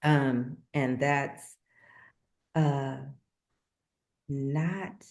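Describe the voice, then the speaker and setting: A middle-aged woman co-hosting a heartfelt conversation, soft-spoken and hesitant, with many pauses. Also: extremely low pitch, steady tone. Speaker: co-host.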